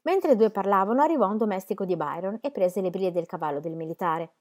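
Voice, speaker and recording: Woman reading old letters out loud, measured and expressive, mid pitch. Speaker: reader. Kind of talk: reading historical letters aloud.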